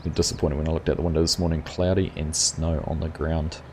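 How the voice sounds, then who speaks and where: There's a rumbling low voice here, a fast-talking middle-aged man with a New Zealand accent hosting a live gaming stream, with slight hiss or hum in the background. He chats casually and comfortably, reading comments, peppering his speech with fillers, and calling out viewers by name.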